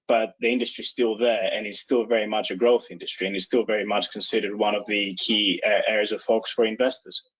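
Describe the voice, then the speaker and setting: A low-pitched man from Greece weighs his points carefully as a panelist, often restarting his sentences. His voice comes through a dull, lo-fi video call line. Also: fairly bright tone, breathy edge. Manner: measured, cautious, hesitant restarts. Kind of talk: panel discussion.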